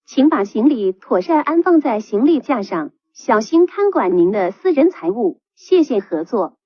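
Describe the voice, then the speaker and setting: A woman reading calm, formal bus announcements played over a PA system. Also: fairly high pitch, moderate pace, slightly rough, no echo. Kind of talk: scripted public announcement. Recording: dull lo-fi PA playback.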